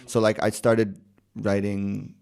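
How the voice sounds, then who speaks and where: Podcast guest: young American man, low gravelly voice, thoughtful and loose, lots of restarts. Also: takes it slowly. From United States. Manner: relaxed, thoughtful, many fillers and restarts. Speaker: rapper and poet guest. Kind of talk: casual podcast interview.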